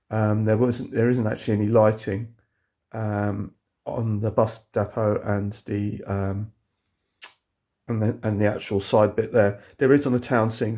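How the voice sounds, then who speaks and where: Speaking in a fairly low, darkish voice, a man with a cold sounds sniffly as he casually shows viewers his model railway layout in an indoor hobby room. The walkthrough video is rambling, with many fillers and restarts.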